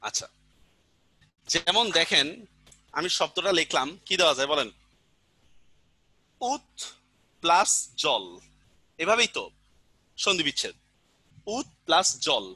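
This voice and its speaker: A man's voice: on the high side, sing-song, measured pace, long pauses, bright, forceful tone, no room sound. A male teacher giving an online grammar lesson, patiently repeating examples and often asking the class whether they understood. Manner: keeps asking students check questions.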